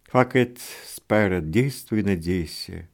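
A man voicing an eager, cocky young male student who talks briskly in an audiobook. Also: deep voice, creaky, pitched above the performer's own voice, full character voice.

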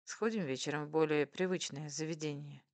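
A woman's voice: deep voice, fairly even intonation, a little fast, no room sound. A woman voicing a stiff, reserved husband. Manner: restrained, quiet, grumbling.

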